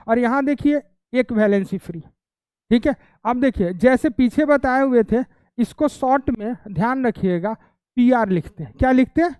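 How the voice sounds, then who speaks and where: A man's voice: extremely high pitch, darkish tone, clear, resonant tone, no echo. A male chemistry teacher giving a classroom lecture, constantly quizzing students, repeating their answers back and teasing them playfully.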